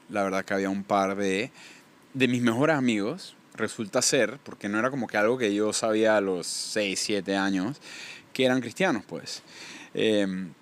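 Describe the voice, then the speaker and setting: A young Panamanian man speaking with a Panamanian accent, a guest telling his life story in a casual podcast interview. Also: lowish voice. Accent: Panamanian Spanish. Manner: storytelling, warm and faith-focused.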